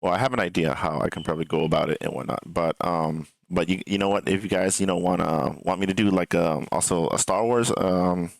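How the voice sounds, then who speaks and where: A man's voice: deep voice, brisk, vocal fry, few pauses, dry recording. A man giving casual, rambling streamer commentary in a hesitant, repetitive way, with casual swearing. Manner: hesitant, repetitive, meandering delivery. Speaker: streamer reacting to gaming news.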